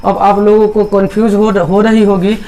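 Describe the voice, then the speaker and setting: Man, maths teacher, high pitch, repetitive step-by-step explaining. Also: level tone, normal speed, warm tone. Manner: repetitive, explains step by step, voices students' doubts. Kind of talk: chalkboard maths lesson.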